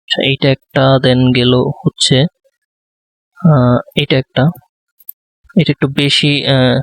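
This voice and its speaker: A man giving a design tutorial, speaking softly close to the microphone and thinking aloud with many fillers. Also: medium pitch, level tone, slow pace, no echo. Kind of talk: live screen-recorded tutorial.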